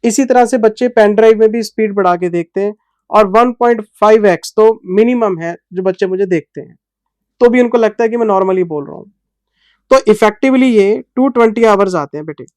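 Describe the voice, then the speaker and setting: A man teaching accounting who explains his course to students. He speaks slowly and patiently, and addresses them in a fatherly way. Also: high-pitched, a little mellow, clean tone, no echo. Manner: deliberately slow, patient delivery; fatherly, calls students "son".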